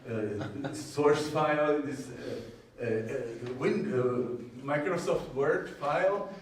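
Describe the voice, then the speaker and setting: With a Czech accent and medium pitch, a university groundwater modeler from the Czech Republic delivers a technical conference presentation, hesitant and halting with frequent pauses. Sound comes through a distant mic in an echo-heavy indoor presentation hall, with faint noise.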